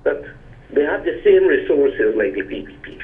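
A man's voice: a little high, sing-song, moderate pace. An older man, calling in to a radio show over a clipped phone line and making his point in an emphatic, lecturing way. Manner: emphatic and lecturing, with rising stresses. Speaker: caller. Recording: thin tinny phone line.

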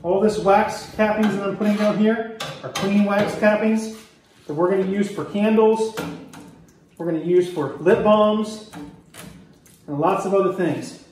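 A middle-aged beekeeper from Maryland talking through a hands-on demonstration while he works, relaxed and explanatory, recorded on a camera mic a few feet away in an indoor workroom. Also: high-pitched, measured pace, pauses often, distant mic, slight background noise. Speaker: beekeeper demonstrating honey harvest. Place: indoor workroom, hard surfaces. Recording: echoey room, voice off-mic.

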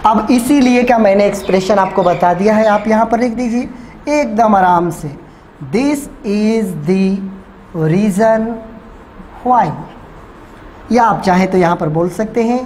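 A man teaching spoken English in a classroom lesson. He repeats each point, asks coaxing rhetorical questions and stretches out English phrases slowly, as if dictating. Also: high voice, a little mellow, a little hiss or hum. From Bihar, India.

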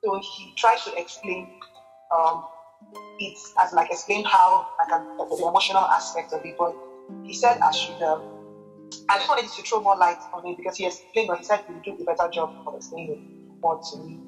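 A woman's voice: lowish voice, moderate pace, soft background music. Hesitant woman asking from far off. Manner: hesitant, searching for words. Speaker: audience member asking a question. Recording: distant voice in a reverberant hall.

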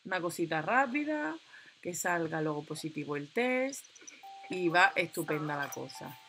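A young woman, chatting excitedly and reading game options aloud as she plays. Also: lowish voice, normal speed, faint music behind. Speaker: gameplay commentator. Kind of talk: casual let's-play commentary.

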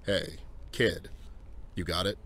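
A man's voice: deep voice, fairly even intonation, slow pace, fairly bright tone, a little hiss or hum. A man voicing a curt, bossy, sardonic teddy bear detective.

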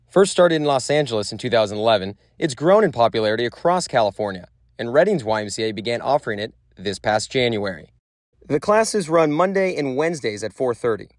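A man's voice: mid-range voice, no room sound. A man reporting a light news feature with an upbeat, self-deprecating manner. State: out of breath.

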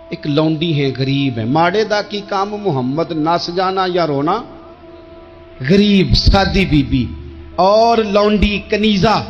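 A man preaches a fervent sermon in a fairly high voice, hammering points home with repetition and verse. The recording sounds dull and muffled, with faint music running underneath. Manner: rhetorical, repeats phrases for emphasis, recites verse. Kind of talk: impassioned sermon.

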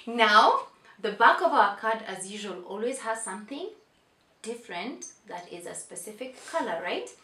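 High-voiced upbeat young woman teaching kids. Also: normal speed. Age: young adult. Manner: animated, upbeat, addressing young children with questions and prompts. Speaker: host of a children's lesson, teacher. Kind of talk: children's educational lesson, presenting to camera. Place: small indoor playroom. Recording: roomy echo, mic at a distance.

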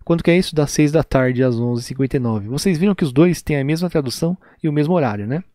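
A Brazilian man teaching an online English class, repeating phrases slowly for his students to copy, with a Brazilian Portuguese accent. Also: on the high side, mellow, dry recording, clean studio sound.

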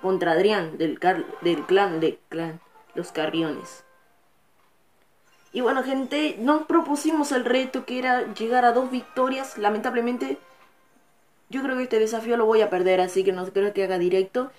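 A woman hosting a gaming channel, giving live gameplay commentary with excitable, frustrated outbursts and cursing at the game. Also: a little high, normal speed, soft background music.

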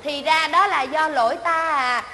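Spoiled, whiny princess. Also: female voice, high-pitched, a little slow, sharp tone, exaggerated voice. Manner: whiny, imperious. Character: spoiled, petulant young princess. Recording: hall with long reverb, faint noise.

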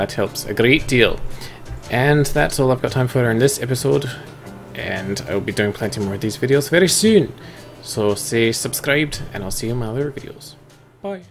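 A man giving excitable let's play commentary, yelling at the game. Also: medium pitch, creaky. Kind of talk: gameplay commentary. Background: game music.

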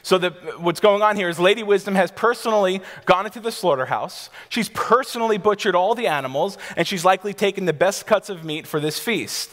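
This pastor in his thirties has a high, slightly bright voice and speaks briskly, barely pausing as he delivers his sermon. In a teacherly way he conjures scenes for the seated congregation, occasionally starting sentences over. The church's long reverb fills the sound.

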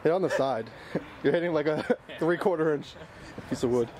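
A man's voice: fairly high pitch, moderate pace, crowd noise. A young man hosting a casual vlog, joking around and laughing often. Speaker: vlog host. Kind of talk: casual chat.

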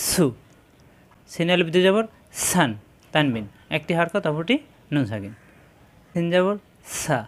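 A man teaching Quran letter pronunciation in a slow, deliberate lesson, drilling each syllable and repeating it. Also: on the high side. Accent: Bangladeshi Bengali.

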